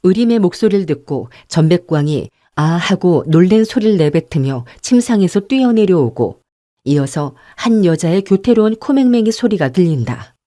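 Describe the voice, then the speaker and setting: A woman narrating an audiobook in a calm, measured storytelling manner. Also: on the low side, no room sound, clean studio sound. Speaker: audiobook narrator and channel host.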